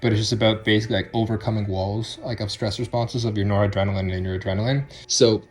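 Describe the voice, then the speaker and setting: A man's voice: lowish voice, fairly even intonation, fast. A man presenting a vlog as host, speaking in an informal, enthusiastic, slangy way. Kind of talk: casual vlog presenting and narration.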